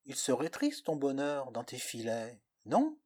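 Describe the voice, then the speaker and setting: A man voicing the gentle, wondering voice of a child's heart in a spoken tale. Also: mid-range voice, huge pitch swings, measured pace. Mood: gently puzzled.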